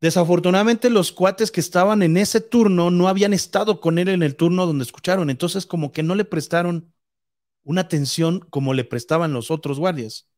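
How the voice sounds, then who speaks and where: Mexican male storyteller, higher voice, rambling ghost-story narration. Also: fairly quick, a little mellow. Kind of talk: casual spoken ghost story.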